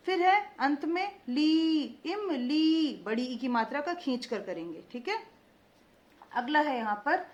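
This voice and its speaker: A young woman with a high voice teaches children Hindi vowel marks in an echoey room, captured on a slightly dull lo-fi recording. She pronounces each word slowly, stretching the vowel lengths, and keeps checking in with "ठीक है" and call-and-response questions.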